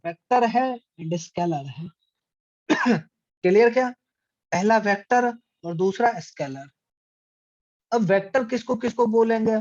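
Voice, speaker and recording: A man's voice: sits high, no room sound. A man teaching an online physics class, asking the students questions and answering them himself. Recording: dry, dull lo-fi audio.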